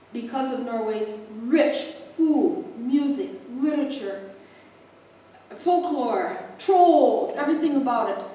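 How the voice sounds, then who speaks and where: A woman's voice: fairly high pitch, dark tone, a little hiss or hum. Chatty woman host in an echoey hall. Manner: chatty, joking, with asides and laughs. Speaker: host introducing a speaker. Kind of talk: casual welcome speech to a live audience. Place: community event hall. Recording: echoey room picked up from a distance.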